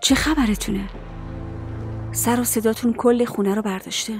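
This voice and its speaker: A woman's voice: a little high, a little mellow, faint music behind, close to an everyday voice. A middle-aged actress dubbing a stern, suspicious mother in a TV drama, commanding and probing. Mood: scolding. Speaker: dubbing actor. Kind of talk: dubbed TV drama dialogue.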